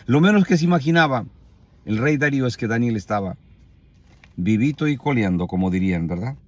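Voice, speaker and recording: A man's voice: medium pitch, lively intonation, fairly quick. A man preaching a sermon, retelling a scripture story with emphatic repetition and rhetorical questions.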